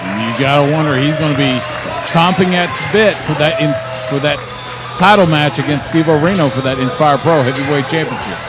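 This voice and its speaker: A man's voice: fairly high pitch, fairly quick. A man giving live color commentary as a wrestling commentator, adding remarks on the action. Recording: loud crowd and music behind. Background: loud crowd, music.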